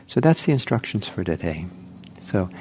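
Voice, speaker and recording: A man with a lowish voice gives a guided meditation talk. He speaks slowly and gently, often pausing mid-thought as he leads listeners. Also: sing-song, a little hiss or hum. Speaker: meditation teacher. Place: meditation center.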